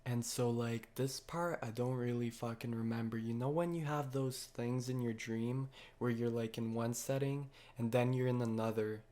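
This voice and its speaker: A man's voice: medium pitch, fairly even intonation, moderate pace, hardly any pauses, dark tone. Young man, casual storytelling, slangy, lots of swearing. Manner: slangy, swears constantly, says "bro". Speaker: vlogger.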